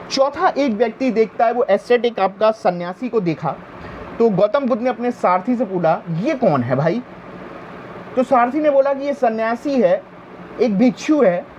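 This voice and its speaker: A man's voice: high-pitched, a little mellow. A male teacher giving an exam-prep history lecture. He keeps asking the class questions, answers them himself, and often tells listeners to pay attention. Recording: dull lo-fi sound with faint background noise.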